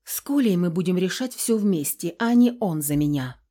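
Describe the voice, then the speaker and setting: A woman voicing a tired, stubborn young daughter who speaks softly and reproachfully, in an audiobook. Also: lowish voice, animated, normal speed. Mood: pleading. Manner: soft, reproachful, pleading.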